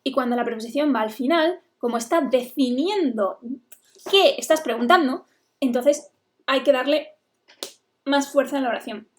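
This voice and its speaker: A woman's voice: high voice, moderate pace. A woman English teacher, patiently explaining a lesson. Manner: explains patiently, switching between English and Spanish.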